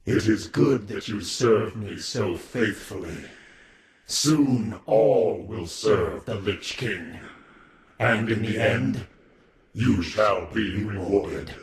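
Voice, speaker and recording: Lich King, slow, sneering, echoing undead tyrant. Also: lowish voice, crowd noise. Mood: cold gloating. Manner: sneering, gloating, dark, slow commanding delivery. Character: undead Lich King, cold gloating male tyrant commanding his army. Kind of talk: fantasy video game villain acting.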